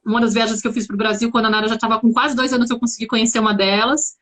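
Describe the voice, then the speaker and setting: Guest spot: a woman with a São Paulo accent, a bit high-pitched, thoughtful, keeps searching for words. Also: fairly even intonation, rapid-fire, a bit bright. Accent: São Paulo Brazilian Portuguese. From São Paulo, Brazil. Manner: reflective, searching for words with many restarts. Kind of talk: casual conversation.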